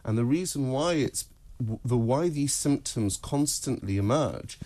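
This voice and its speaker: A man speaking as a guest analyst in an interview, in a measured, deliberate, lecturing way. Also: medium pitch, lively intonation, warm tone. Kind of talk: broadcast interview.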